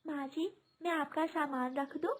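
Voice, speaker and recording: A woman voicing a gentle, meek young bride sparrow in a cartoon, speaking in a pleading, timid way. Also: high-pitched, steady tone, measured pace, a little hiss or hum, pitched above the performer's own voice.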